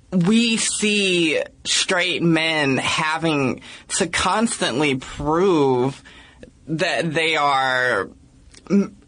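Woman, podcast guest, unhurried and crisp-toned, earnest and measured. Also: deep voice, fairly bright tone. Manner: measured, earnest, often ending points with "right?". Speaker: podcast guest, activist and writer. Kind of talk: casual podcast discussion.

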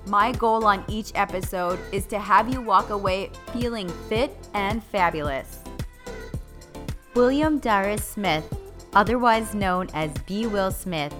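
A woman's voice: medium pitch, fairly bright tone. A woman from North Dakota hosting a podcast, introducing her guest and chatting in an upbeat, encouraging way. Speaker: podcast host.

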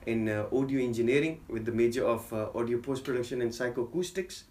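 Slangy Pakistani-born podcast host. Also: male voice, mid-range voice, quick pace, darkish tone. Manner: slangy, many fillers like "yo" and "fam". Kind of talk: casual chat.

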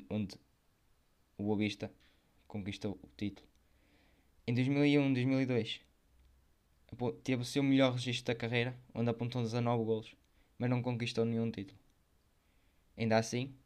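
A man with a European Portuguese accent hosting and narrating football biography in a semi-scripted, measured way. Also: medium pitch, a little mellow, smooth. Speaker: host of a football history programme.

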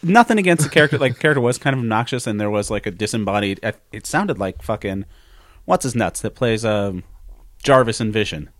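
A man's voice: fairly low pitch, animated, fairly quick, a bit bright, dry recording, studio quality. A man co-hosting a casual podcast, joking around and swearing freely. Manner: profane, jokey, enthusiastic about golf. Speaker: podcast co-host. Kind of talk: casual chat.

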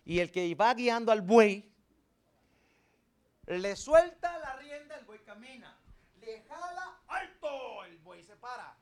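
A man's voice: very high voice, takes it slowly, long pauses, a little mellow. A man preaching a sermon, telling the story dramatically and asking the congregation questions. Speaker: pastor.

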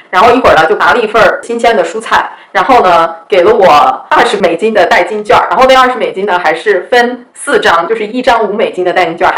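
A woman's voice: mid-range voice, fairly bright tone, echoey room, low-quality recording. A woman telling stories to her viewers in a casual, chatty way, often asking "you know?". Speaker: vlogger. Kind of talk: casual storytelling.

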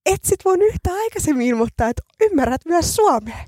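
A woman's voice: very high-pitched, very animated, mellow, no room sound, clean studio sound. A woman co-hosting a podcast, chatting casually and poking fun at herself. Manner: chatty, self-mocking. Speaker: podcast co-host. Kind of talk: casual chat.

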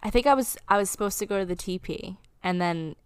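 A woman's voice: mid-range voice, brisk, clear, resonant tone, no room sound. A woman in her twenties co-hosting a casual podcast chat, talking candidly with some swearing and sometimes close to tears. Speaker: podcast co-host.

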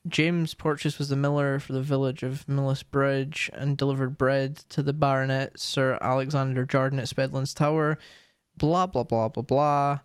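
A man's voice: medium pitch, level tone, moderate pace, hardly any pauses, clear, resonant tone, no echo, clean studio sound. A young Scottish man co-hosting a podcast, chatting casually and reading aloud. He swears often and laughs a lot. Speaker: podcast co-host.

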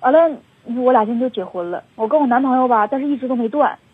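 A young woman in her twenties with a Northeastern Mandarin accent phones in a confession, rambling through her story with lots of fillers. Her voice is high, quick and slightly rough, heard over a tinny, dry telephone line with no echo.

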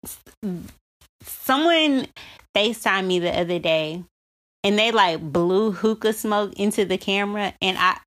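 A woman's voice: mid-range voice, unhurried, a bit bright. A woman co-hosting a podcast in casual chat, emphatic and sassy, laughing often. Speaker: podcast co-host.

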